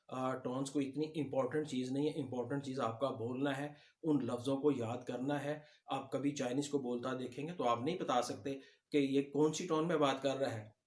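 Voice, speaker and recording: Male teacher, Pakistani Urdu accent, patient explainer for a slide-based lesson, mid pitch. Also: a little mellow. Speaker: language teacher.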